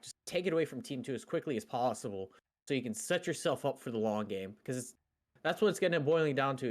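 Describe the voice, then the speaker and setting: Male esports analyst, mid-pitched. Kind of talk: casual analytical game commentary.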